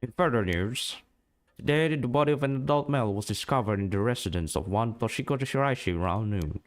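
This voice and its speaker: A man's voice: lowish voice, natural voice. A man voicing a formal male TV news announcer in a stiff newsreader delivery.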